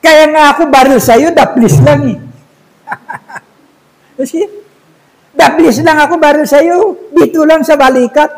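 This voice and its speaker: A man's voice: high voice, sing-song, slow pace, pauses often, heavily acted, rough recording. A man voicing an older male restaurant owner who talks in blunt, broken, clipped phrases. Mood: bargaining.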